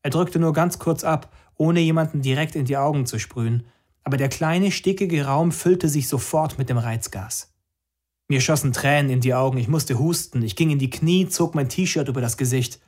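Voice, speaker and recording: Man, first-person narration, measured and somber, unhurried. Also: a little high, a little mellow.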